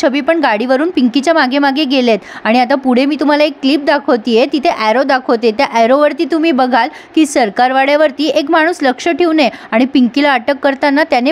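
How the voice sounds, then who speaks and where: Lady doing a chatty recap of a tv serial, high voice, talks to viewers. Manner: chatty storytelling, addresses viewers. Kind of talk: casual episode recap.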